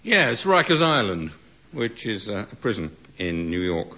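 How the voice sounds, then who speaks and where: A man's voice: on the low side, sing-song, moderate pace, pushed and bright. A man on a quiz panel telling a wry anecdote. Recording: dull broadcast audio.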